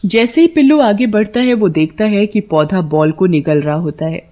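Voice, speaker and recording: A woman narrating an animated horror story in a steady storytelling voice. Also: mid-range voice, moderate pace, muffled recording.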